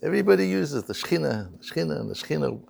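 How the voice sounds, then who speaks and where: A man's voice: a little high, big pitch swings, vocal fry, darkish tone, husky. A man teaching a Talmud lesson, reading Hebrew and Aramaic quotes, translating them and asking rhetorical questions. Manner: explains slowly, reads Hebrew and Aramaic quotes then translates. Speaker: Torah teacher.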